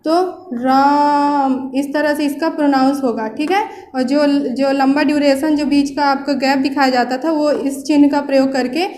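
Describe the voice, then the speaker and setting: A woman's voice: sits high, steady tone, moderate pace, few pauses, a little mellow, a little hiss or hum. A woman with a Hindi accent from central India, teaching a grammar lesson in a patient way and checking in with her students often. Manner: patient, repeats "ठीक है ना" as a check-in. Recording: roomy echo.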